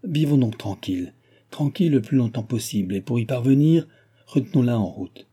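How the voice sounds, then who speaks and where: A man's voice: mid-range voice, lively intonation, normal speed, mellow, husky. A man reading an audiobook, voicing an aging king who is furious and sorry for himself, grumbling and exclaiming bitterly. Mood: scheming.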